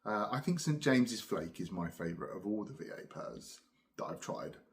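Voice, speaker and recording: A middle-aged man with a southern English accent, chatting casually and unhurriedly to camera, musing with pauses between puffs on a pipe. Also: fairly low pitch, expressive. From Cambridge, England. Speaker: pipe-smoking video host. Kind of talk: casual rambling solo chat.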